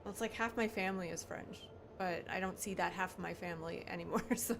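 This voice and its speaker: A woman's voice: fairly low pitch, quick pace, gravelly, noisy background. A woman from Canada hosting a gaming livestream, chatting casually and bluntly with friends and laughing often. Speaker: streamer.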